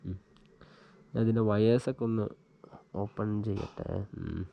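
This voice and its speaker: Unhurried and creaky, a lowish male voice with fairly even intonation narrates a casual installation tutorial, the vlogger thinking aloud as he works. His helmet action camera gives dull audio with slight background noise.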